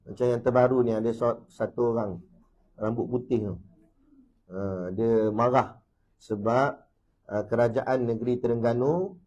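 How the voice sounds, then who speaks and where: A man with a Malaysian Malay accent giving a religious lecture, animated, breaking into loud emphatic bursts and often dropping in "ha". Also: medium pitch, measured pace, pauses often, highs cut off. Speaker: religious teacher.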